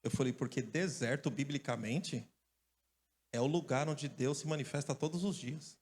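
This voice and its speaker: A male pastor from Brazil preaching a lively sermon, joking and calling out to his congregation. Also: mid-range voice, normal speed, breathy edge. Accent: Brazilian Portuguese. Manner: lively, joking storyteller who calls out to the congregation. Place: church stage.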